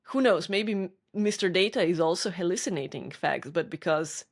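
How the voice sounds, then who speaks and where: A woman's voice: fairly low pitch, lively intonation, moderate pace. Woman, podcast co-host, casual chat, thoughtful, hesitant restarts.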